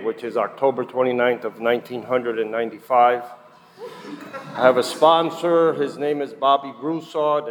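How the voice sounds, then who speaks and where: A middle-aged man from Puerto Rico, raised in New Jersey, gives a candid, conversational recovery testimony with frequent fillers at a meeting. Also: medium pitch. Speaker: guest speaker at a recovery meeting. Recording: long reverb in a hall, faint noise.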